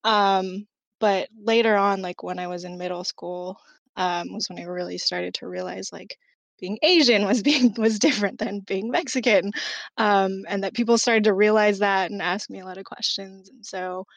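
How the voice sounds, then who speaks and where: A woman's voice: mid-range voice, steady tone, moderate pace, vocal fry, no room sound. Woman, 30s, from southern California, casual chatty podcast guest, dry recording. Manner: chatty, many ums and likes, laughs between words. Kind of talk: casual chat.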